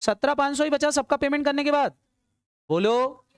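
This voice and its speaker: Brisk woman teacher quizzing her class. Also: high-pitched, dry recording, clean studio sound. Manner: quizzing students, answering her own questions; urging quick answers. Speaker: accounts teacher. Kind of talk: classroom lecture.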